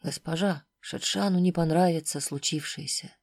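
A stiff, dutiful guard who speaks formally and sounds strained, as a woman narrator reads him. The voice is pitched lower than the reader's own and has a dark, mellow tone. It is recorded dry and close. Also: expressive, moderate pace, no echo. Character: stiff, respectful young male guard.

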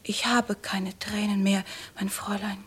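An actress playing a shy, grieving young goldsmith's daughter in a 1950s radio play, speaking in a hushed, breathy half-whisper. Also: female voice, a little high, fairly even intonation, moderate pace. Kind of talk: 1950s radio drama acting.

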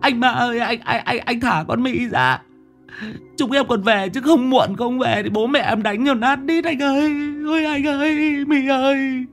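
Man putting on a scared village boy, high pitched, stammering, pleading, ghost story telling. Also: normal speed, fairly bright tone, faint music behind.

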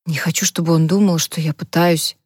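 A heartbroken young woman, voiced by a female narrator, talks in a soft, choked way, close to tears. Her pitch sits on the low side for a woman, and the audiobook recording is dry and close. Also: steady tone, a little fast, husky, dry recording. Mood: hesitant.

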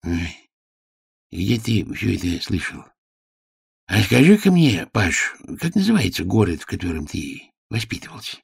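A man voicing a vain, capricious, suspicious little male king in an audiobook drama, with a husky low voice. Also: very animated, unhurried, no echo, studio quality, full character voice.

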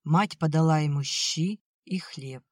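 An audiobook narrator reading a novel in a measured, plain manner. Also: medium pitch, no echo, clean studio sound. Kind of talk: scripted narration.

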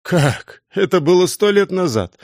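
A man's voice: expressive, measured pace, dry recording, clean studio sound. A man voicing a strict, volatile middle-aged female schoolteacher in an audiobook, raising his voice for her. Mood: bitter laughing. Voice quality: shrill when shouting. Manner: strict teacherly tone. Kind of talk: audiobook reading.

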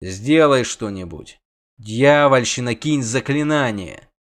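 A man's voice: mid-range voice, expressive, slow pace. A man voicing a terse, strained witcher. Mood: urgent. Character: hardened male witcher hanging from a bridge.

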